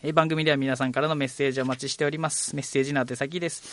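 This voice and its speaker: A man's voice: mid-range voice, flat delivery, rapid-fire, fairly bright tone, no echo. A man hosting a live local radio talk show, polite and chatty with frequent fillers. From Kagoshima, Japan.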